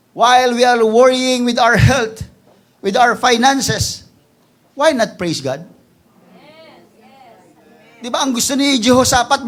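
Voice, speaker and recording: Fiery, high-voiced Filipino pastor preaching. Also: male voice. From Philippines. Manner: switches between hushed pleading and loud, shouted exclamations; playful, jokes with the congregation. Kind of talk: energetic preaching sermon. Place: church.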